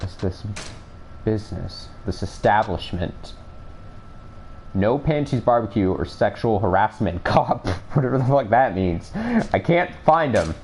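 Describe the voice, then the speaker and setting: Low-voiced man doing casual let's play. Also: a little slow, gravelly, a little mellow, a little hiss or hum. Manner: rambling, sweary, thinking aloud. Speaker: video game commentator. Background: music.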